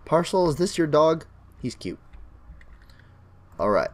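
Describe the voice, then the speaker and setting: A man hosting a game channel, chatting casually through a let's-play while sick, with a raspy throat. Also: fairly high pitch, very animated, takes it slowly. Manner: chatty, talks to himself while playing. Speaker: gaming channel host.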